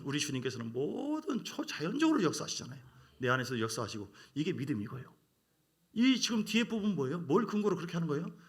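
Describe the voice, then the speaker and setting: A man's voice: on the high side, fairly bright tone. A man, a pastor, preaching a sermon in church, reading scripture and acting out quoted voices as he talks.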